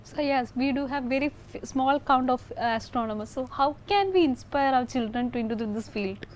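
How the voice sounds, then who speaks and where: A woman with an Indian accent puts questions to a guest as an interviewer. Her voice is high, and faint noise sits behind it. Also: a little fast.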